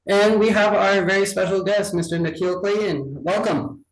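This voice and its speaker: Young guy from wyoming hosting a podcast, high voice, echoey room. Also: normal speed. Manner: upbeat, relaxed question-asking. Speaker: podcast host. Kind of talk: casual interview chat.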